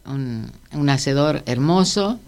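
A woman's voice: deep voice, animated, slow pace. A woman hosting a radio interview, answering often with short agreeing words. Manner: warm affirmations, frequent "claro, sí". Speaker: radio host.

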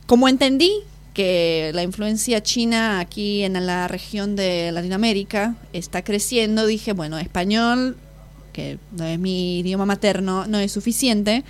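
A Slovak exchange student in her twenties, whose first language is Slovak, gives casual interview answers in a mid-range voice. She sounds hesitant, searching for words and correcting herself.

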